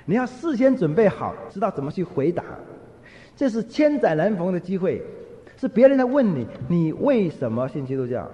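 A man's voice: high-pitched, normal speed. A man giving a sermon, telling stories with humor and acting out what people said. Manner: humorous, lively storytelling, acts out quotes. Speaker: preacher. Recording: echoey hall, dull lo-fi sound.

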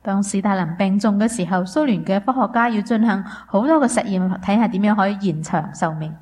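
A woman interpreting a sermon phrase by phrase, steady and fluent, with small filler sounds. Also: medium pitch, a little fast.

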